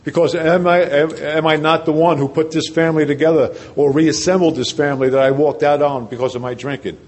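A man's voice: fairly high pitch, fairly even intonation, fairly quick, darkish tone. Earnest New man telling his story. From New Jersey. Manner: earnest storytelling with rhetorical questions and repetition. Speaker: recovery speaker. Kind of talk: personal recovery story told to a meeting.

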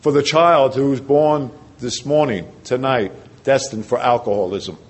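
New man at a podium sharing his recovery story, repeating phrases and questioning the room, average pitch. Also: a little slow, breathy edge. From New Jersey. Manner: earnest storytelling with rhetorical questions and repetition. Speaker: recovery speaker. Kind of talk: personal recovery story told to a meeting.

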